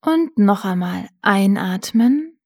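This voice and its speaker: A woman narrating a scripted guided meditation in a soothing, measured manner. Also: medium pitch, expressive, darkish tone, husky, no echo, clean studio sound. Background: music.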